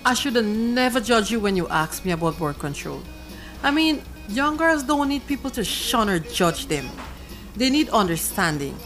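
A woman acts as a middle-aged stepmother in a family drama, conciliatory and set on keeping the peace. Her voice is a little high, with light music in the background. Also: sing-song, normal speed. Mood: apologetic, reassuring. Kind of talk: domestic drama acting.

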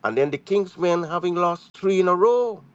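A man's voice: sits high, lively intonation, normal speed. Chatty Guyanese-born cricket reporter, man. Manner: conversational, chatty with fillers. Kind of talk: radio sports report. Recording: dull lo-fi radio audio.

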